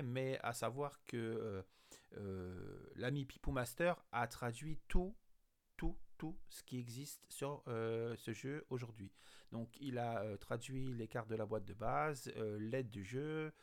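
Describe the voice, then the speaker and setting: A man with a gravelly, creaky voice talks through a casual news roundup. He pauses often, filling gaps and restarting his sentences as he goes. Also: medium pitch. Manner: hesitant, many fillers and restarts. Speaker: host.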